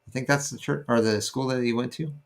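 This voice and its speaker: A man's voice: mid-range voice, steady tone, quick pace, vocal fry. A man co-hosting a podcast in casual chat, rambling and often stopping to search for words. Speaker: podcast co-host.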